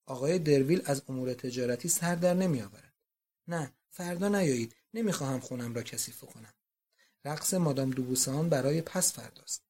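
Audiobook: assured young wife, read by the narrator, soft and confiding. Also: female voice, very deep voice, husky. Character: young society wife, self-assured and affectionate. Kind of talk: audiobook reading.

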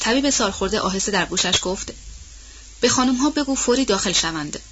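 A woman reads a novel aloud in a measured, expressive storytelling voice. Her tone is bright and clear, sitting at a middle pitch. The recording sounds dull and lo-fi. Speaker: audiobook narrator. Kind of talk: scripted novel narration.

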